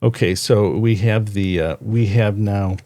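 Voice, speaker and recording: A man's voice: on the low side, mellow, dry recording. Dry-voiced joking male podcast host. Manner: playful, teasing, halting. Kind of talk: casual chat.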